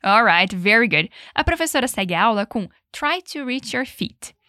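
A woman teacher leads an English lesson, explaining phrases and having the listener repeat them. Her voice is bright and a little high. She says the English examples slowly and clearly, and the recording is dry and close. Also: sing-song, dry recording. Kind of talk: language lesson with repetition drills.

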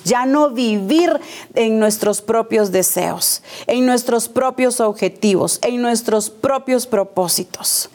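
A woman preacher delivering a sermon in a fairly high voice. She takes her time, stressing each phrase and circling back to repeat the key words. She puts rhetorical questions to the congregation. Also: mellow.

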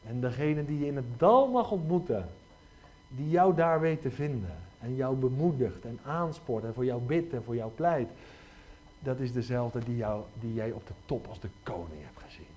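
A middle-aged man preaching a lively sermon, often asking his listeners rhetorical questions. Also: mid-range voice, normal speed, a little hiss or hum. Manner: animated, frequent rhetorical questions.

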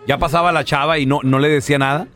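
A man's voice: on the high side, fast talker, soft background music. A male radio host tells jokes in playful on-air banter and laughs as he goes. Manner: animated, laughs while telling jokes.

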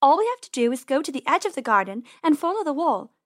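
A woman's voice: high-pitched, very animated, quick pace, a bit bright, no room sound, clean studio sound, voice pushed up. A woman voicing a brave, sensible young girl rabbit who talks in an urgent, bossy, earnest way. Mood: urgent planning.

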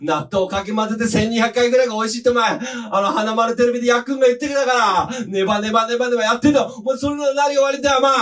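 A man with a Fukushima accent chatting on a comedic talk show, rough and teasing, calling people "omae" constantly. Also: very high-pitched, rapid-fire, few pauses, fairly bright tone, recorded from a distance. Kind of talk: casual comedic chat.

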